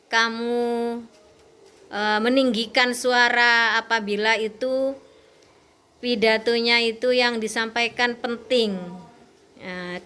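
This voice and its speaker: A woman's voice: medium pitch, fairly bright tone, slight background noise. A woman teaching a class, explaining step by step in a patient way with many fillers. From Indonesia. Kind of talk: classroom lesson to students.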